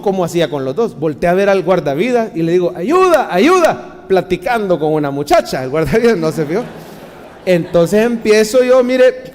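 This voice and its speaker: A man preaching a sermon as a pastor, swinging between hushed and loud passages. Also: high-pitched, long reverb tail.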